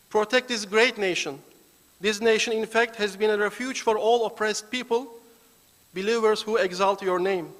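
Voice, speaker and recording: A man speaking on behalf of a foundation's volunteers and giving a solemn, deliberate opening prayer and address. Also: high voice, fairly bright tone. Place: large banquet hall. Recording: reverberant hall.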